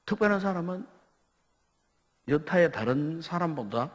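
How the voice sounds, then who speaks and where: A male pastor with a Gyeongsang Korean accent preaching a Friday prayer meeting sermon, emphatic, with rhetorical questions and dramatic pauses. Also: on the high side, animated. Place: church sanctuary. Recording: reverberant church sanctuary.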